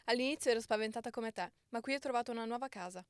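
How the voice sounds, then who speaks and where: A woman's voice: fairly high pitch, rapid-fire, clear, resonant tone, no room sound, clean studio sound, natural voice. A woman voicing Sara, a welcoming young woman, in an audiobook story.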